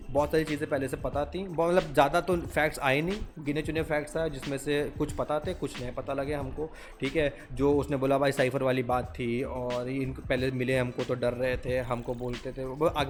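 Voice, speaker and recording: A man's voice: mid-range voice, level tone, a little fast, few pauses. A young Indian man hosting a reaction video, talking casually to viewers and switching between Hindi and English. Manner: chatty, mixes Hindi and English, keeps saying "bhai" and "theek hai". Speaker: reaction channel host.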